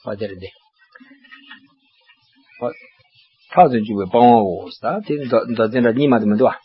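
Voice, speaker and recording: A man's voice: medium pitch, normal speed, husky. An older man giving a religious teaching, explaining at length and checking in with rhetorical questions. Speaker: monastic teacher. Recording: dull lo-fi recording with faint background hiss.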